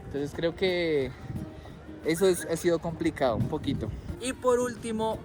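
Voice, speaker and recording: Out on a city street, a young man from Colombia films himself chatting in a loose, meandering way, frequently stopping to fix what he said. His voice is a bit high, his accent Colombian Spanish, and gentle music plays in the background.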